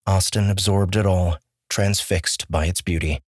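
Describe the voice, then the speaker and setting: A man narrating an audiobook with measured, steady storytelling. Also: low voice, breathy edge, no room sound, studio quality. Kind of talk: scripted narration.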